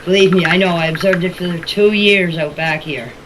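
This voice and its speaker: Speaking at normal speed in a lowish voice, an older woman records a casual voice message for a group chat. Her manner is emphatic and opinionated, with plenty of repetition, and the phone audio is noisy and amateur.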